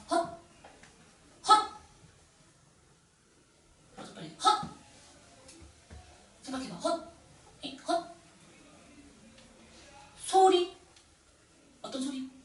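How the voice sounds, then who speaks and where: A woman teaching a middle school Korean class in a classroom, animated and sing-song, with quick asides to her students. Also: high voice. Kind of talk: classroom lecture. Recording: echoey classroom from far off, faint noise.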